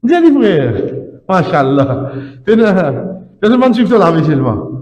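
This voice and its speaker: A man's voice: high voice, very animated, measured pace, darkish tone, dull audio. A man giving an Islamic sermon as imam, emphatic and repetitive, with frequent tag words. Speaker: imam preacher. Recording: echoey hall with long reverb.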